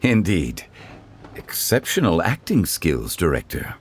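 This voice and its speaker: A man playing a composed, erudite consultant in a fantasy game, speaking in a formal, measured way. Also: sits low, sing-song, a little hiss or hum. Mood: dryly approving. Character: composed, erudite male consultant, calm and dignified. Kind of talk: fantasy video game voice acting. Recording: light music behind the voice.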